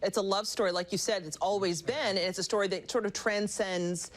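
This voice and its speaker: A woman with a medium-pitched voice conducts a conversational interview. She is effusive and admiring toward her guest, and often starts and restarts her questions as she reaches for words. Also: fairly even intonation, a little fast. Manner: effusive, admiring, hesitant phrasing.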